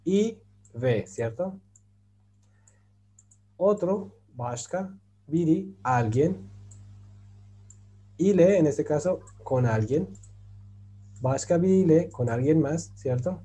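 With a voice on the high side that is mellow and slightly rough, a man speaks slowly and animatedly, leaving long pauses. He is patiently teaching Turkish grammar in an online group class, breaking things down step by step and often asking "¿cierto?" ("right?").

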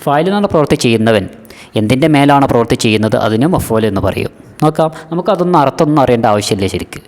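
A male teacher, mid-pitched, going over exam material patiently. He says the key terms more than once and keeps checking whether students understand. His voice carries a long echo, as in a reverberant room. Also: animated, fast talker. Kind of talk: exam-prep lesson.

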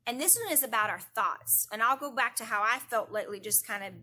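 A woman leads an online church devotional with a bright, fairly high voice. She talks earnestly and stacks repeated phrases for emphasis, building toward prayer. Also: fairly quick. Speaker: youth director. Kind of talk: devotional talk. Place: indoors, online church broadcast.

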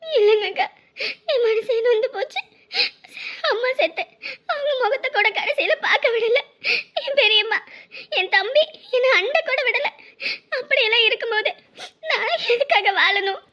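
A woman's voice: very high-pitched, moderate pace, pushed and bright. A woman voicing a grieving young wife who pleads through tears in a cartoon drama. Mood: weeping. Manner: sobbing, pleading.

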